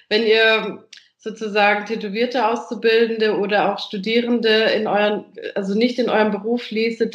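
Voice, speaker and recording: A woman's voice: mid-range voice, reverberant, muffled recording. A woman interviewer asking questions in a chatty, personal way. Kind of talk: conversational interview.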